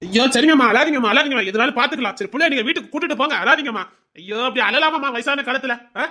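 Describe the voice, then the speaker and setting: A woman plays an exasperated village council head in a comedy skit, scolding and waving people off. The voice is high and the talk comes fast. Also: sharp tone. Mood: soothing. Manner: brisk, scolding, dismissive.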